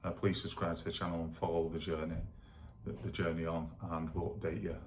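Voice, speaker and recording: A man with a gravelly voice chatting casually as a vlogger, thinking aloud in a self-deprecating, rambling way while demonstrating exercises. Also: sits low, level tone, brisk, slight background noise. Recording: echoey room.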